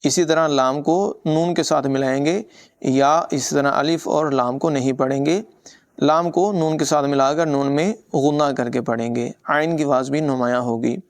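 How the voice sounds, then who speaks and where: A man teaching Quran recitation, his voice smooth and clear and pitched a little high. He explains tajweed rules briskly, then recites each phrase slowly and melodically, drawing the long vowels out. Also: fairly even intonation.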